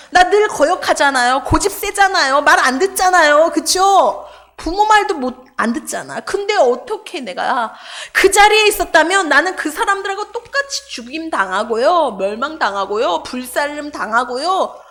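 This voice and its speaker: A woman pastor preaching a sermon, animated, moving between loud emphasis and hushed asides, and acting out imagined scolding voices in casual speech. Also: very high voice.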